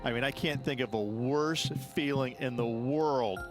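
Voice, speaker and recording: A man performs a self-deprecating golf analyst for a video game. He talks conversationally with dry humor in a medium-pitched voice. Music plays clearly underneath. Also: unhurried, close to an everyday voice. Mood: wry. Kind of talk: color commentary in a video game.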